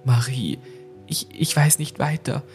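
A man's voice: mid-range voice, a little slow, darkish tone, faint music behind, close to an everyday voice. A man voicing a remorseful young woman in a ghost story, with a shaky, sobbing voice. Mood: shaken.

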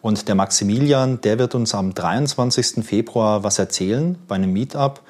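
A man's voice: on the low side, normal speed, a little mellow. A man hosting a casual interview, asking friendly, curious questions with a few fillers. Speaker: host.

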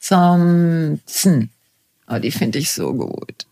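Co-hosting a podcast from home, a woman chats eagerly in a deep, mellow, sing-song voice, drawing out her words. The conversation is casual, and she often trails off mid-sentence and starts again.

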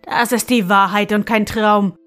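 A woman reading as a gruff, grumbling griffin. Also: medium pitch, steady tone, a little slow, faint music behind, lightly acted. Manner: loud, grumbling, demanding. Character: gruff male griffin, golden-feathered, irritable.

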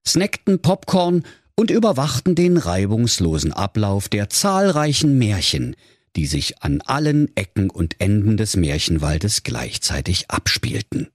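Lively Saxon man telling comic fairy tales. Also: lowish voice, measured pace, no room sound, studio quality. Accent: Saxon German. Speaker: storyteller. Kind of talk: comic fairy-tale narration.

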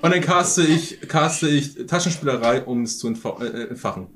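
A man playing a tabletop role-playing game, brash and quick to swear and laugh. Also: medium pitch, a bit bright, reverberant, slight background noise. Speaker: player. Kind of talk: casual tabletop role-play.

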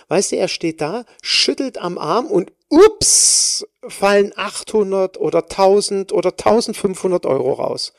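A woman's voice: on the low side, gravelly, dry recording, clean studio sound. A woman hosting a solo podcast, speaking as a personal trainer in an emphatic way, stressing and repeating words.

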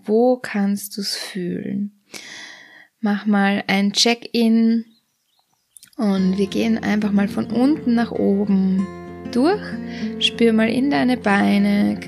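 Slow, creaky-voiced woman guiding meditation. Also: mid-range voice. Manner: slow, soft, guiding body scan with questions. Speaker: podcast host and guide. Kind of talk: guided meditation.

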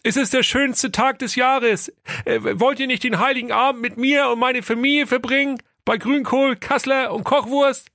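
A beaming, good-natured young nephew in a comic audio story, stammering with eager joy. The voice sits very high, gravelly and bright. It is recorded close and dry. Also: male voice, steady tone, normal speed, no echo, heavily acted. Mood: cheerful eager. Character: cheerful poor young nephew, warm-hearted.

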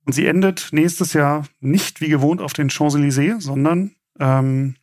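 A man's voice: on the high side, a little slow, a little mellow, a little hiss or hum. A man speaking as an informal game show host, chatty and explanatory as he runs a quiz. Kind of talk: casual game show hosting.

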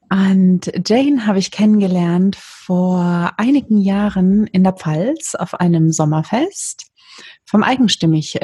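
A woman hosting her own podcast, welcoming a guest warmly and enthusiastically. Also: on the low side, slightly rough, dry recording, studio quality. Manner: warm, enthusiastic, effusive. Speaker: podcast host. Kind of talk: podcast interview.

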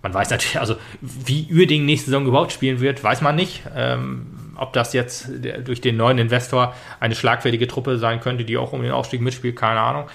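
A man's voice: medium pitch, fairly even intonation, a little fast, gravelly, few pauses, a bit bright. A man co-hosting a casual football podcast, talking hesitantly with many fillers and restarts. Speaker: podcast co-host.

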